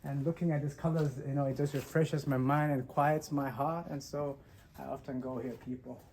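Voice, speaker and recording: Brief: male vlogger, slightly higher voice, playful and jokey, outdoor walk-and-talk, faint noise behind. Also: flat delivery, moderate pace, darkish tone. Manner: playful, jokes about being a king. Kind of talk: casual vlog chat. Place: outdoors in a village.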